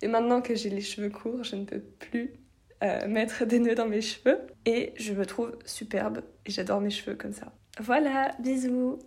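A woman's voice: on the high side, fairly even intonation, moderate pace, a little mellow. A woman giving a short, casual personal testimony for a podcast.

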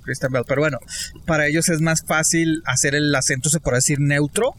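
A man with a Mexican accent, chatting casually as a podcast co-host, slangy and animated, laughing often. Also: a little high, quick pace, a little hiss or hum. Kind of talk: casual chat.

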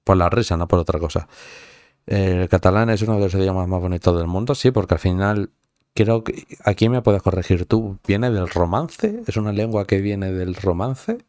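Expressive and a little mellow, a young man's deep voice moves at normal speed in clean studio audio free of echo. He's from Madrid, Spain, with the local Spanish accent, and his casual chat with viewers is rambling and profane, packed with fillers and restarts.

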